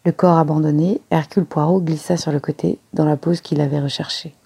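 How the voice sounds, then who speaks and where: Audiobook narrator reading a chapter, measured, gravelly and husky. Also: mid-range voice, steady tone, dark tone. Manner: measured storytelling. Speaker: audiobook reader. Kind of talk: scripted narration.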